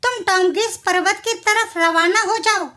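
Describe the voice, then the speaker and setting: Brisk comic-book lady editor, very high and bright, played by a woman. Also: heavily acted. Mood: instructing. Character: bossy female newspaper editor.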